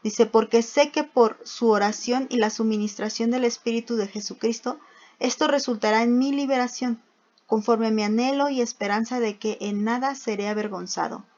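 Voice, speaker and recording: Una mujer que enseña la Biblia en un sermón, con preguntas retóricas y lectura de versículos. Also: female voice, a little high, moderate pace, darkish tone. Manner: asks rhetorical questions, reads scripture aloud. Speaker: preacher. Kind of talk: bible teaching. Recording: dull lo-fi recording.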